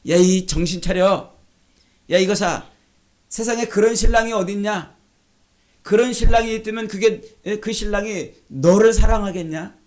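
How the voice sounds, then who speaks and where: A crowd of scornful women jeer with a higher, grating edge, as a preacher acts them out in his sermon. Their taunts come in a sneering tone, rough with a gravelly rasp underneath. The delivery is pushed, pointed and mocking. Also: moderate pace, darkish tone.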